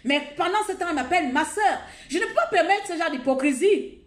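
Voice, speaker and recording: Indignant high-voiced woman. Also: animated, a little fast, roomy sound. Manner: indignant, emphatic, talks straight to viewers. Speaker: live streamer addressing followers. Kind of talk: heated live video rant. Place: outdoors.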